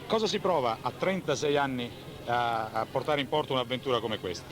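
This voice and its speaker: A man working as a radio football interviewer, asking wordy, measured questions with some hesitation. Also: mid-range voice, music in the background. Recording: 1980s radio recording.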